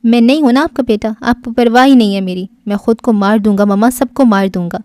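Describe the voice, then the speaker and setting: A woman voicing a fragile, volatile young man who is crying, pleading and shouting in despair. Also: a little high, no echo, clean studio sound, lightly acted. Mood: screaming rage. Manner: sobbing, pleading, frantic.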